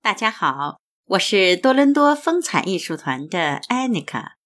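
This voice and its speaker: A woman host reading an essay aloud in a measured, deliberate way. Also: mid-range voice, very animated, fairly bright tone, faint music behind.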